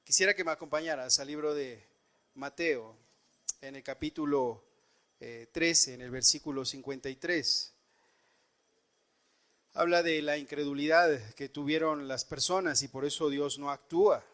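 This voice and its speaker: A man's voice: fairly high pitch, unhurried, fairly bright tone. A man preaching a sermon, telling a personal story earnestly and rising and dropping his voice for emphasis. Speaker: pastor.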